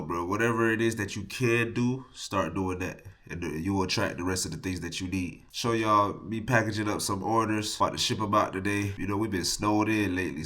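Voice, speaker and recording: Congested young man, low voice. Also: fairly bright tone. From Miami. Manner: laid-back slangy hype talk with motivational asides. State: congested from a cold, nasal. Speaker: clothing brand co-owner. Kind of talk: casual vlog talk to camera. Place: home office.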